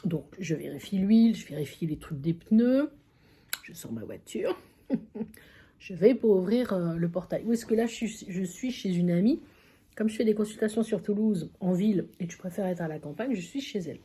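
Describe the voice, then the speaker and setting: A woman's voice: medium pitch, moderate pace, dark tone, slightly rough. A woman psychic medium vlogging casually, telling a story with many fillers and repetitions. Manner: chatty, many fillers and repeated phrases. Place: at a friend's country house.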